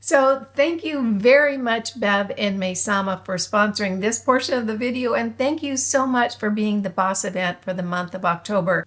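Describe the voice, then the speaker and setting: A woman in her late sixties hosting a beauty vlog, talking chattily and emphatically to her viewers. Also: mid-range voice. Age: 60s. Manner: warm, chatty, emphatic, addresses viewers as ladies. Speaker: beauty channel host. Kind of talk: beauty vlog talk to camera.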